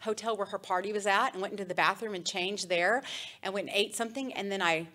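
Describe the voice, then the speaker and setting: A woman guest chatting casually, telling an animated story and laughing often. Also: mid-range voice, fast talker. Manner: animated storyteller, acts out quotes. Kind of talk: casual chat.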